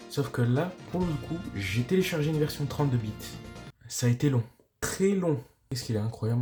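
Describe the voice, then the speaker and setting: Laid-back French guy vlogging over music. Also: medium pitch. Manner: laid-back, frequent hesitations, mild swearing. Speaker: tech YouTuber. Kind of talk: casual tech vlog narration. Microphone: cheap microphone.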